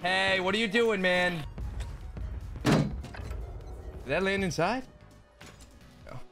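A man streaming a shooter game, commenting loudly and teasing the strangers he meets. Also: high voice, slow pace, music in the background. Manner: loud, playful, teasing. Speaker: gaming streamer. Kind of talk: excited gameplay commentary and trolling.

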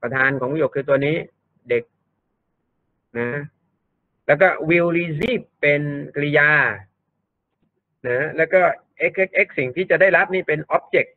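A man's voice: fairly high pitch, slow pace, long pauses, no room sound. A man tutoring an English grammar lesson, explaining step by step and often repeating his words. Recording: thin phone-like dry sound.

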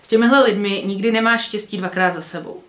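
A woman's voice: medium pitch, steady tone, fairly bright tone, lightly acted. Brief: woman reading as a scolding old village man, grumbly, roomy echo. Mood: grumbling. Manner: scolding, told-you-so.

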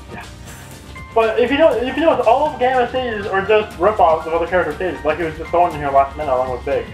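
A young man commentating gameplay in casual chat, excitable and loud, laughing often. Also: high-pitched, quick pace. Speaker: let's play commentator. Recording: echoey room with faint game music. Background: faint game music.

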